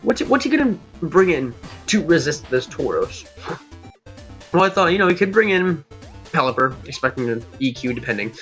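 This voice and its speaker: A man's voice: on the high side, big pitch swings, normal speed, fairly bright tone, faint music behind. A young man casually talking through his team plans for a league battle, rambling and poking fun at himself. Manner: rambling, self-deprecating, laughs at himself. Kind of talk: casual gaming commentary. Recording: slightly dull lo-fi mic.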